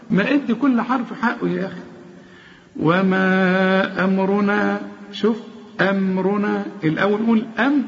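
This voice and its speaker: High-voiced Egyptian man teaching recitation. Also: big-room sound, dull audio. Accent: Egyptian Arabic. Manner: asks quick rhetorical questions, then slowly chants example words. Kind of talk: tajweed lesson.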